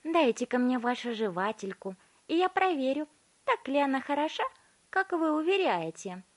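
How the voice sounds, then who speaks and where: A woman voicing a spoiled, stubborn girl who chews gum and talks in a shrill, demanding way while humming between bites. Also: big pitch swings, moderate pace. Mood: bratty, greedy.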